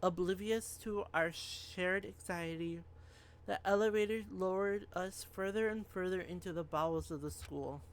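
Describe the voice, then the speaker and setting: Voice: mid-range voice, normal speed, slight background noise. A game streamer reading story text aloud during a live playthrough, stumbling, rereading and chatting to viewers.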